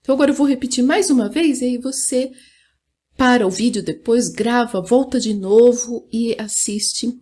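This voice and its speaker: A woman's voice: a little high, mellow. A woman giving an online lesson on French pronunciation, patiently explaining and often checking in with the listener. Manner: patient, explaining slowly with frequent "né?". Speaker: French teacher.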